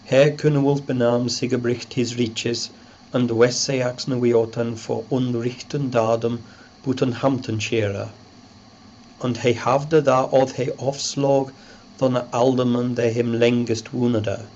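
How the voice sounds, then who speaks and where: A man's voice: mid-range voice, fairly even intonation, unhurried. Muffled, noisy Old English recitation by a man. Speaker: reader and narrator. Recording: muffled lo-fi recording with loud background noise.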